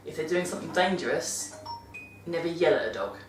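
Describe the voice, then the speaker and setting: A British vlogger with a low voice and lively intonation talks casually and a little fast about caring for dogs in her monthly video. She rambles and often corrects herself mid-sentence. Faint music plays behind her, and the distant mic sounds roomy.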